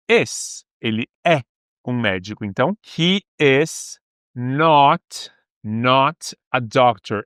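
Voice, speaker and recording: A Brazilian man teaches beginner English, patient and methodical, and he draws out each English example slowly. His voice sits at a middle pitch and is recorded close in a dry, dead room. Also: fairly bright tone, clear, resonant tone, dry recording. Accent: Brazilian Portuguese. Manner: patient, step-by-step explaining, slows down for English words.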